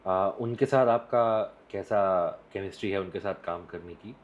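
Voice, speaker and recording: A man's voice: deep voice, unhurried, dull audio. A man hosting a podcast interview. He mostly listens with short replies and asks plain questions. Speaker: podcast host.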